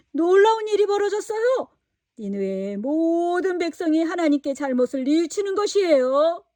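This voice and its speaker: A woman reads a children's Bible story aloud in a high, lively, sing-song voice. She takes her time, stretching the words gently. The sound is dry and close. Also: dry recording, far from the mic.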